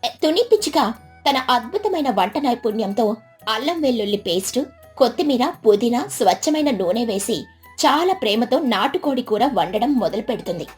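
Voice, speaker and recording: A woman with a high, light voice narrates a cartoon story in a lively, expressive way. Faint music plays under her narration. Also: moderate pace. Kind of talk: scripted narration.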